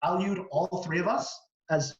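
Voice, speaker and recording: Male co-host from Canada, higher register, animated informal storyteller, video-call sound a little muffled. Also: unhurried, slight background noise. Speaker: live stream co-host. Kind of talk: casual chat. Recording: slightly dull video-call audio.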